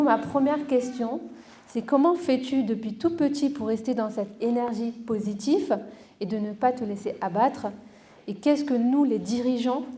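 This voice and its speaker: A woman's voice: fairly high pitch, dark tone. A woman hosting an interview, asking long questions in a friendly way with many hesitations. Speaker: interviewer, business event host.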